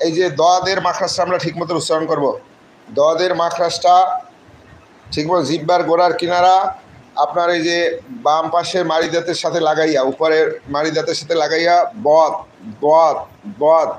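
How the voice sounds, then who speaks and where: A man teaching Quran recitation in a live online class, spelling out words slowly syllable by syllable and answering viewers by name. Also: fairly high pitch, level tone, a little hiss or hum, low-quality recording. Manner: slow syllable-by-syllable spelling drills.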